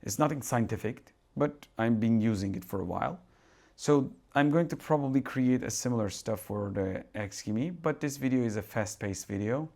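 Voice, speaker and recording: In a casual live product demo, a tech reviewer from Turkey, speaking with a Turkish accent, walks through settings while changing them in a darkened home cinema room. He thinks out loud, restarting and adding asides, in a mid-range voice at normal speed.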